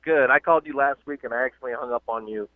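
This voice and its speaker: A man's voice: mid-range voice, fast talker, no echo. Man on a tinny phone line, hesitant. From southern US. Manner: hesitant, many uhs, trails off when pressed. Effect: calling in over a phone line. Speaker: radio show caller.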